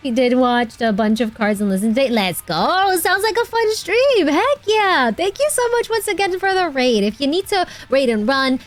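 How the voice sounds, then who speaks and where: A woman streaming a game playthrough in a cute, excitable anime-streamer manner, reading the story aloud and chatting with viewers. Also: high voice, normal speed, few pauses, soft background music. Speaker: VTuber streamer and voice actor.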